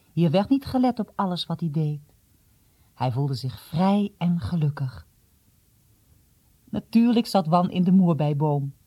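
A man narrates a storybook calmly and steadily. His voice is mellow and a little husky. It is recorded close and dry, with no room around it. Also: fairly high pitch, dry recording. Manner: calm, measured storytelling. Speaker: audiobook narrator.

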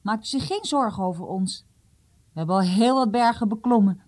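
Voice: mid-range voice, brisk, a little mellow, pitched above the performer's own voice, close to an everyday voice. A storyteller voicing a lighthearted young companion in a story. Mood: reassuring. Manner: cheerful.

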